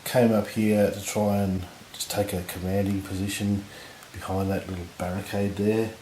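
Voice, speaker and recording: A man with a husky voice from recent illness, giving relaxed, rambling commentary on a tabletop battle. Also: deep voice, normal speed. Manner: relaxed, rambling, lots of fillers. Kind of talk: casual game commentary. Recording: echoey room with faint noise.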